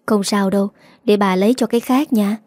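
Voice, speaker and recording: A woman's voice: medium pitch, steady tone, fairly quick, darkish tone, no echo, clean studio sound, close to an everyday voice. A woman reading the lines of a kind, protective middle-aged mother in an audiobook story. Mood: tender.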